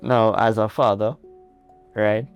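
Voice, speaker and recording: A man's voice: lowish voice, level tone, slow, lo-fi sound, faint music behind. A young Trinidadian man, a guest in an interview, telling his story earnestly with restarts and light laughs. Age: young adult. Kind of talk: casual interview.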